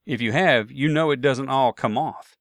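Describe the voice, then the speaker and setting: A man's voice: medium pitch, normal speed, fairly bright tone, dry recording. A man narrating a first-person travel anecdote with wry, self-deprecating humor. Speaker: storyteller.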